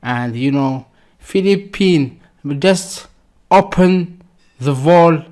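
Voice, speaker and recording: A man in his thirties hosts reaction videos with effusive, casual commentary, his English non-fluent and marked by an Algerian accent. His fairly high, darkish voice moves slowly, and he often repeats words and phrases.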